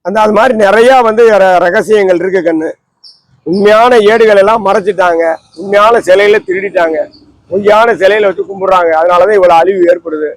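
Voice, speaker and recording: A man's voice: sits high, steady tone, brisk, dry recording, low-quality recording. A man, a holy man, talking outdoors under a tree in an impassioned, lamenting and preachy way. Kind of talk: impassioned talk.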